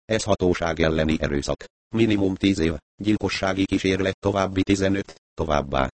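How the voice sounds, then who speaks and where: A man's voice: low voice, close to an everyday voice. A man reading an audiobook, voicing an aggrieved, pompous middle-aged police captain who talks officiously. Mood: sorrowful, officious. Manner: sorrowful, officious.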